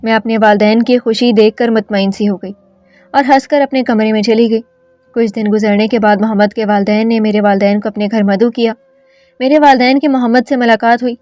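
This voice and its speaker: Woman storyteller, higher voice, dry close sound, soft music underneath, earnest and gentle. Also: fairly even intonation, no room sound. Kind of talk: scripted first-person story narration.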